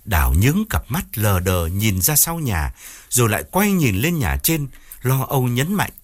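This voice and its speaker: A man narrating an audiobook story in a steady storytelling manner. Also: mid-range voice, normal speed. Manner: steady storytelling, voices each character.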